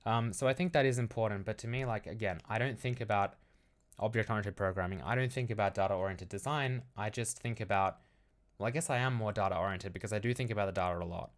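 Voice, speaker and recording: A man's voice: on the low side, quick pace. A young man chatting casually on a live stream, answering chat questions in a rambling, frank way full of fillers.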